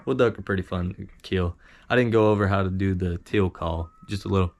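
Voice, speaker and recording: Low-pitched man giving a casual tutorial. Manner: informal, modest, halting. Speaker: amateur hunter giving a tutorial. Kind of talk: casual instructional talk with demonstrations.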